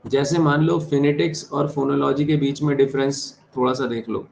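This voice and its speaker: A man teaching an exam-prep class in Hindi and English. He dictates key terms slowly, repeats them and keeps checking that the class understands. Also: medium pitch, level tone, creaky, a little mellow, slight background noise, low-quality recording. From India. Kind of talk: online exam-prep lecture.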